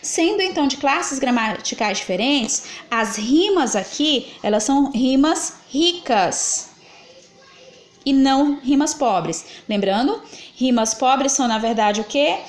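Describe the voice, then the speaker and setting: A woman's voice: sits high, expressive, unhurried. A woman teacher with a Brazilian Portuguese accent, patiently talking through an exam-prep lesson step by step and checking in with her students. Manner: patient, explains step by step, counts syllables aloud, checks with "tá?".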